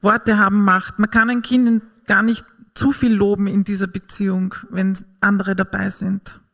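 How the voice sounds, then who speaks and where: A woman delivers a faith-based parenting talk in an earnest, encouraging manner. Her pitch sits in an ordinary middle register. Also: flat delivery, moderate pace, vocal fry, fairly bright tone.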